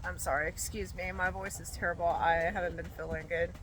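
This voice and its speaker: Stuffy-nosed woman rambling about her hens out in the yard, roosters and clucking loud behind her. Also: on the low side, level tone, fairly quick, low-quality recording. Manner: chatty, easily sidetracked. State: congested, under the weather. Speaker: homesteading vlogger. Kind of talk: casual chat to camera. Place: backyard by chicken coops, outdoors. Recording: outdoor noise with clucking chickens and roosters. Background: chickens and roosters.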